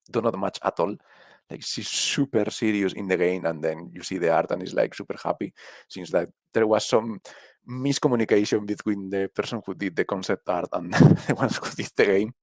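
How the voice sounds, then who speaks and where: A man from Spain speaks in a very low voice with a Spanish accent and a rough, gravelly edge. He rambles casually and trails off while thinking. The recording is close and dry, with no room sound. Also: no echo. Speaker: video creator ranking game characters. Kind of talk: casual tier-list commentary.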